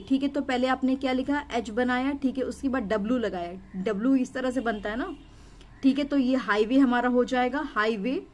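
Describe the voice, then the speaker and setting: Young adult woman, shorthand tutor, slightly high voice, patient and repetitive, checks in often. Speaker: stenography teacher. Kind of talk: explanatory tutorial lesson.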